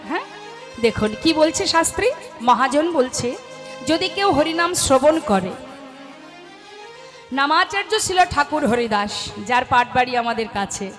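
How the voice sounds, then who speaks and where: Woman preacher, high voice, question-and-answer sermon, devotional music behind. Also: lively intonation, normal speed, long pauses. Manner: asks the audience questions and answers them herself. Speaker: kirtan singer and preacher. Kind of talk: devotional sermon between chants. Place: evening devotional gathering before an audience. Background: devotional music accompaniment.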